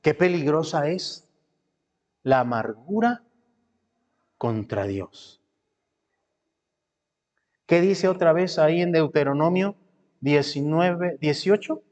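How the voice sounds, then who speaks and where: A male pastor delivering a sermon, breaking into high mimicking voices and stretching out phrase endings. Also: lively intonation, takes it slowly, long pauses, a little mellow, muffled recording. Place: church. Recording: reverberant church hall.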